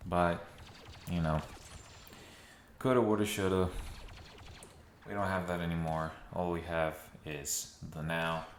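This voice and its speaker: This video essayist has a deep voice and a flat delivery, speaking slowly with long pauses. His casual talk to viewers turns dryly sarcastic at times, and the mostly empty room in his new home fills the recording with echo, along with a little hiss or hum.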